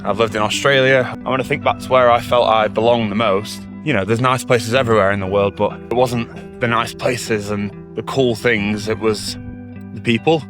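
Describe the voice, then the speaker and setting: A man's voice: mid-range voice, fairly even intonation, moderate pace. A man from England, talking earnestly and casually about belonging. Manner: earnest, rambling, sincere. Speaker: interviewee. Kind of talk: casual reflective chat. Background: music.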